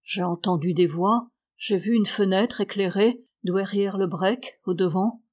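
An earnest young sergeant, full of grief and quick to hope. A woman reads him in a storybook audiobook. The voice stays in a middling pitch. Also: darkish tone, close to an everyday voice. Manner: earnest, emotional. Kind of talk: audiobook reading.

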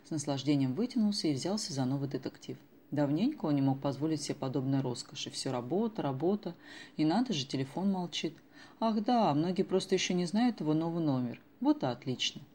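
Brief: low-pitched woman narrator, measured audiobook storytelling. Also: expressive, warm tone.

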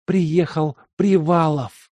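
A man voicing an excited young girl who whispers breathlessly. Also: on the high side, slow, no echo, voice pushed up. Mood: urgent.

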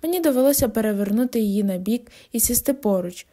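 A woman reads a novel aloud in first person, with a steady, gently wry delivery. Her voice sits a little high and sounds soft and mellow. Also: quick pace. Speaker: audiobook narrator. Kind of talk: audiobook narration.

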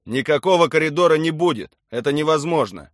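A man's voice: fairly high pitch, lively intonation, brisk, no room sound, clean studio sound, pitched above the performer's own voice, lightly acted. An audiobook reader voicing a stern male colonel who gives clipped, commanding orders. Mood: stern ultimatum.

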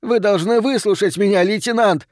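A man voicing a frantic, ragged male vagrant who shrieks his demands in a high, shrill voice, in an audiobook reading. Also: normal speed, dry recording, studio quality, close to an everyday voice. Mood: squealing. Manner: shrieking, high-pitched and loud.

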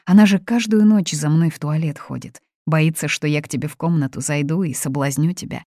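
A woman's voice: deep voice, brisk, mellow, dry recording, studio quality. A woman doing a cold, blunt young woman. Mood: cold, firm. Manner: hard, cutting. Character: blunt, fearless young woman confronting a family.

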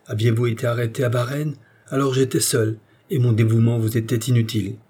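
A man voicing a grave, brooding male nobleman who speaks calmly, firmly and with melancholy. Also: medium pitch, a little fast, husky, lightly acted. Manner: calm, firm and melancholy.

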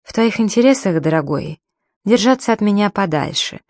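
A woman reading an audiobook, voicing a scornful, cold-hearted woman breaking off an affair, sharp and mocking. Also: medium pitch, expressive, normal speed, dry recording, studio quality, lightly acted. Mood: mock-sweet. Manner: sharp and mocking, then falsely sweet.

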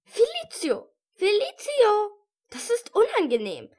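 A man voicing a fretful female figure who fears fire, pleading in a shrill falsetto. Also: huge pitch swings, takes it slowly, darkish tone, full character voice. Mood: panicky.

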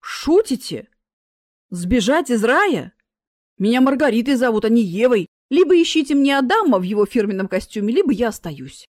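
A woman voicing a chatty, fussy older cat owner who talks excitably. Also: a little high, normal speed, dry recording, studio quality.

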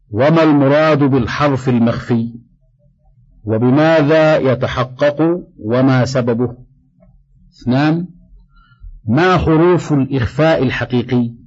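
A man reads a tajweed lesson aloud in a measured, dictating way. His voice sits in a middle register. The recording sounds dull and lo-fi. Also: medium pitch, a little mellow, slightly rough. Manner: measured, dictating, slows to recite quoted verses. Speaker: Quran recitation teacher. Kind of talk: reading a tajweed textbook aloud.

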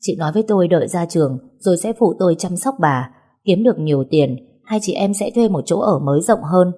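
A woman reads a first-person novel aloud, steady and somber. Her voice sits low and mellow, with a husky, breathy edge. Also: fairly quick. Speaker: audiobook narrator.

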